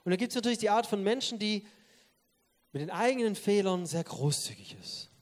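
A man with a notably high voice preaches a sermon. He talks straight to his listeners, pressing hard on key words and then dropping to soft, quiet asides. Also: lively intonation, brisk. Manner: emphatic, addresses listeners directly; swings between loud stress and quiet asides.

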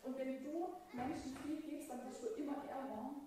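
A woman preaches a sermon in an earnest, conversational way and drops in casual words. Her voice sits fairly high and rings around a very echoey church hall. She sounds distant from the mic, with faint noise behind her. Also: fairly even intonation, normal speed, warm tone.

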